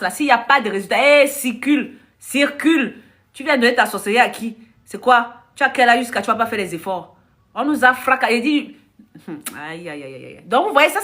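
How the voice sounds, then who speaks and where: A woman from Africa, a life coach, telling stories on a live stream. She laughs often, acts out conversations and talks bluntly to her viewers. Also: on the high side. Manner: animated storytelling with frequent laughter, acting out dialogue; blunt, direct addressing of the audience. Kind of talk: casual live-stream monologue.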